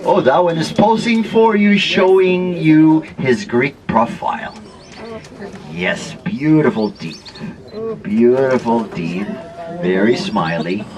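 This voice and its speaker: Man, boat tour guide, very lively intonation, unhurried pace, playful showman, outdoor wildlife commentary with people chattering behind. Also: medium pitch, a crowd in the background, low-quality recording. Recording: busy voices and boat noise behind.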